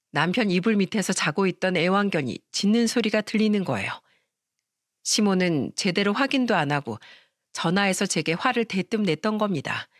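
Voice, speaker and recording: A woman narrating a scripted first-person family story in an even, confiding manner. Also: medium pitch, no echo, clean studio sound.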